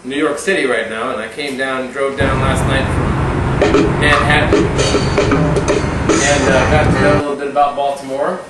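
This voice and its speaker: A man's voice: mid-range voice, little pitch movement, normal speed, pauses often, loud music behind the voice. A man chatting casually as co-host of a cooking show, bantering like a buddy in a laid-back way. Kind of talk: casual chat. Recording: roomy, distant mic with background noise.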